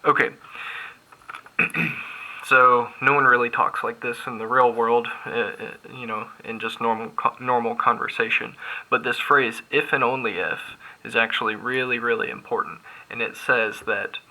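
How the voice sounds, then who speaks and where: Bright-voiced man teaching logic. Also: medium pitch, steady tone, moderate pace, low-quality recording. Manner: thinking aloud, restarts, filler-heavy. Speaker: math instructor. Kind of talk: recorded lecture at a board.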